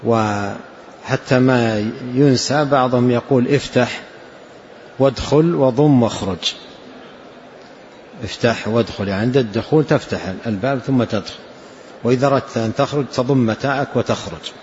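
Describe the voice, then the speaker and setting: A man gives a religious lesson, going through texts at a measured pace and repeating key phrases. His voice sits in an ordinary middle register, captured on a dull, lo-fi recording with a faint noise underneath. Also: mid-range voice, darkish tone. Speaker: religious teacher. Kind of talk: explaining hadith in a lesson.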